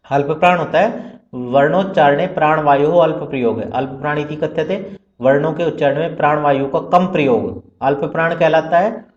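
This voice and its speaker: A man's voice: fairly high pitch, darkish tone. A man teaching Sanskrit grammar in a recorded lecture. He recites Sanskrit terms in a list, then explains each one plainly and step by step. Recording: roomy, dull lo-fi recording.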